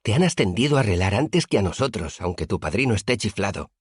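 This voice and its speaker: A man voicing an earnest young male student who speaks bluntly and heatedly in an audiobook, with a husky voice. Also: on the low side, very animated, fast, no echo, studio quality, voice pushed up. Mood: grumbling. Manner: heated, complaining.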